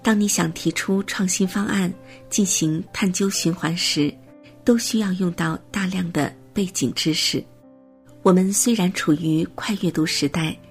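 Low, gravelly woman narrating a script. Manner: steady, measured reading of a prepared text.

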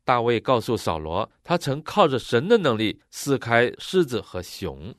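A man interpreting a sermon phrase by phrase, matching the preacher's expressive delivery. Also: mid-range voice, moderate pace, no room sound, clean studio sound.

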